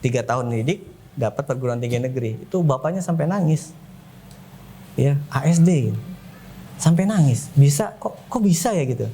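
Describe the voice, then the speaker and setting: A man's voice: expressive, moderate pace, dark tone, slight background noise. Conversational man giving a parenting seminar. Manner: conversational, acts out dialogues with rising pitch. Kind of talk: educational seminar talk. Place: school seminar room.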